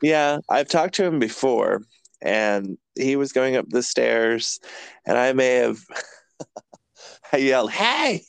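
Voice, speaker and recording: A man's voice: mid-range voice, slow, creaky, long pauses, clean tone, no room sound. A man hosting a podcast, chatting casually in a rambling, self-deprecating way and laughing often. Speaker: podcast host. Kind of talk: casual chat.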